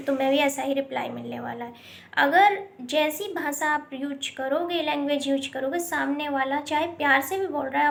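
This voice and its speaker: A woman's voice: high-pitched, gravelly, a bit bright. A woman narrating a moral story in a plain, repetitive, explaining way, mixing in English words.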